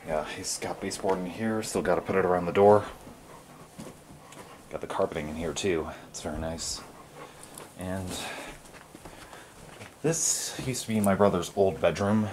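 Young man, very low voice, loose rambling home tour; noisy handheld camera audio. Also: normal speed, pauses often. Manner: rambling, loose, lots of fillers. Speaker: vlogger. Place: carpeted family house indoors. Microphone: handheld camera mic.

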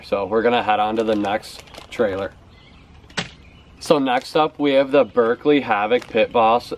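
There's a slight hiss or hum under this young man's lowish voice. Outdoors on a house's back porch steps, the fishing vlogger talks casually to camera about his favorite baits, often saying words twice for emphasis.

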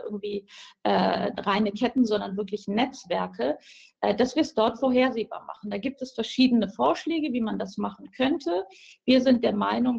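A woman's voice: a little high, creaky, darkish tone. A middle-aged woman, a ministry official, making an earnest, argumentative panel statement by phone, with many fillers and restarts. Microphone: phone line. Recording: dull lo-fi phone audio.

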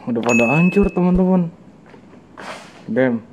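A young man with a Jakarta-area Indonesian accent narrates a casual vlog exploring an abandoned villa at night, moving from room to room in slangy, exclamatory talk sprinkled with English interjections. His fairly high voice is unhurried, with lively intonation. A handheld camera mic captures clearly noisy indoor-outdoor ambience, with the highs cut off.

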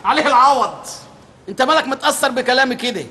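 A man's voice: very high-pitched, quick pace. An actor playing a stern, fussy Egyptian village schoolteacher who scolds his class in a comic drama. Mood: scolding. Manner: scolding, shouting orders, comic outrage. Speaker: strict village teacher.

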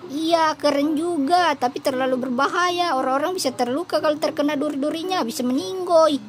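A woman's voice: brisk, noisy background, close to an everyday voice. A woman voicing a cautious little cartoon boy who keeps warning and nagging his twin. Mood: worried. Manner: warns and nags, high piping. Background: game music.

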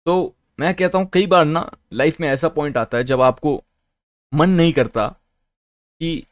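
Faint music plays behind a young man from Kolkata, India, as he joshes around on a casual live stream in a medium-pitched voice. He swears freely and drops in English phrases, and the recording is dry.

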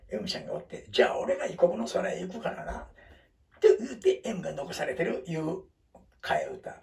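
A man's voice: a little high, vocal fry, a little mellow, far from the mic. A man in his seventies with a Kansai accent, talking to viewers in a rambling, self-deprecating, casual monologue. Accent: Kansai Japanese. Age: 70s. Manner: chatty, rambling, self-deprecating, jokes and laughs. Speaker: vlogger.

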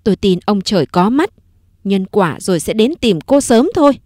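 A woman's voice: mid-range voice, expressive, moderate pace, a little mellow, no echo, close to an everyday voice. Proud wronged young wife, woman narrator voicing her, bitter and firm, dry close sound. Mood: defiant.

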